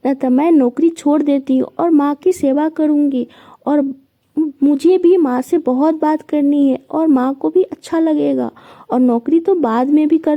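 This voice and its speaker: A woman reading as a caring, steady young wife. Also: high voice, highs cut off.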